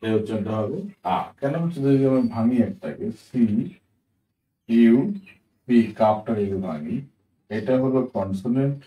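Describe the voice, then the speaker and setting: A man's voice: medium pitch, animated, dark tone. Guy teaching english sounds, patient, keeps checking "ok?", echoey room, mic kinda far. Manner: patient, addresses viewers as friends, asks "ঠিক আছে?", corrects himself with "sorry"; slows down to spell out example words letter by letter. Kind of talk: spoken lesson, explaining pronunciation rules.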